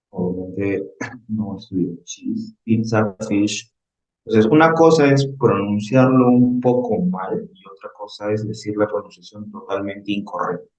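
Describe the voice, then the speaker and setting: In a classroom vocabulary review, a man teaches English vocabulary in Spanish, patiently checking on students with repeated "ok?". His voice is lowish and dark, captured in a roomy, slightly dull recording.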